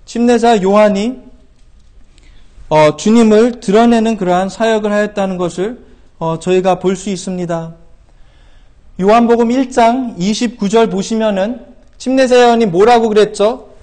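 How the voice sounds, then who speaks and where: Middle-aged guy preaching at church, pretty high voice, earnest, lots of uh's and questions to the crowd. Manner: earnest, exhorting, with frequent "uh" fillers and rhetorical questions; shouts quoted scripture loudly and slowly. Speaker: missionary preacher. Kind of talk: sermon. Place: church sanctuary.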